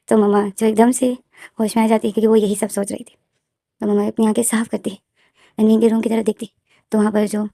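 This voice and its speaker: A woman's voice: medium pitch, mellow, no echo, clean studio sound. A woman retelling her own fan story in a long, run-on narration full of fillers. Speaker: fanfiction storyteller.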